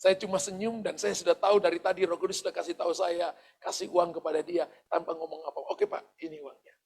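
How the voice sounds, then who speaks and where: A man's voice: high-pitched, quick pace, vocal fry, a little mellow, husky. A male pastor giving a sermon, speaking straight to his congregation with asides and the odd chuckle. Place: church service.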